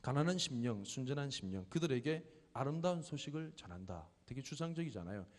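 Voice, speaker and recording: Lively male pastor in reverberant hall. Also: medium pitch, fast talker. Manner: conversational, explains with questions and family stories. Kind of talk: sermon. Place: church hall.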